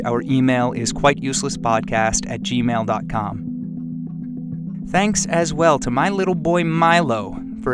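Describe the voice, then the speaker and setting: A man hosting his own podcast, reading a scripted narration in a measured, reflective way. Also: mid-range voice. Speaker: podcast host and producer. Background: music bed.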